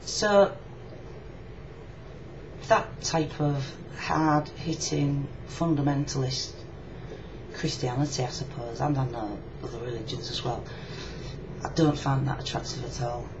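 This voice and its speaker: Her voice is very deep and her pace measured as this Yorkshire-accented video blogger, from Yorkshire, England, chats casually, frankly and reflectively in a personal reply. It's recorded indoors through a webcam, muffled and lo-fi, with clear background noise.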